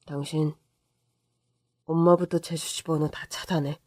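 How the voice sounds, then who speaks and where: A woman voicing a weary husband who speaks low and quietly. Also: level tone, a little slow, no room sound, clean studio sound. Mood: subdued.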